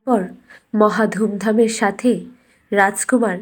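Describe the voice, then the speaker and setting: A female storyteller reads a scripted cartoon fairy tale with measured, deliberate pacing, her medium-pitched voice keeping a fairly even intonation.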